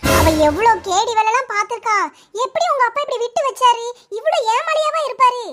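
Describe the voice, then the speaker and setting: A woman voicing a caring, motherly village woman in a cartoon, sympathetic and quick to anger on another's behalf. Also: very high voice, music in the background. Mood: indignant. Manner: sympathetic, indignant, fussing. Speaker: elder sister figure. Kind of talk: cartoon voice acting.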